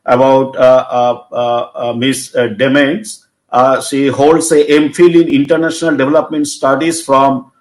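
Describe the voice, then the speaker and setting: A man's voice: on the high side, low-quality recording. Man moderating a webinar. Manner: halting, stumbles over names. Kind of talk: formal introductions.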